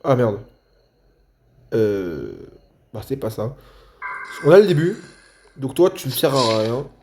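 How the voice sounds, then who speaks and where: A man narrates his own moves while he plays a video game, thinking aloud and joking with his viewers. His voice sits at a mid pitch and comes through a desktop mic with a faint hum behind it. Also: sing-song, takes it slowly, a little mellow. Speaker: gaming video creator. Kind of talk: let's play commentary.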